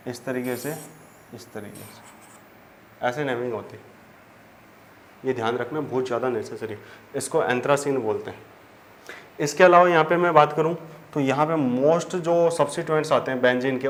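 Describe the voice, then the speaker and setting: Guy teaching chem, mid pitch, asks then answers himself, slight hiss. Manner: explains step by step, asks questions and answers them himself; addresses students as children. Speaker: chemistry teacher. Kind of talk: whiteboard lesson. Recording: faint background noise.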